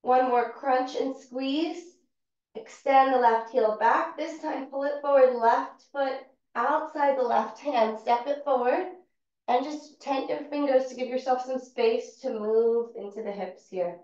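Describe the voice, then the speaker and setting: Calm woman cueing yoga in an echoey room. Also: sits high. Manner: calm, unhurried cueing of movements. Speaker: yoga teacher. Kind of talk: guided yoga class instruction. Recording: far-off, echoey, dull-sounding room recording.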